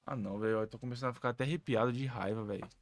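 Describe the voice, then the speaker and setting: A man's voice: medium pitch, racing. A man with a Brazilian Portuguese accent giving live gameplay commentary as host of a gaming channel, complaining in an exasperated, whiny way with slang and swearing.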